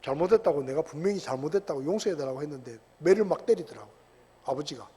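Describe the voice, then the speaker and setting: A middle-aged male pastor from South Korea preaching a sermon, full of rhetorical questions and sudden shouted bursts. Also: on the high side, lively intonation, fast, breathy edge, long reverb tail. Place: church sanctuary.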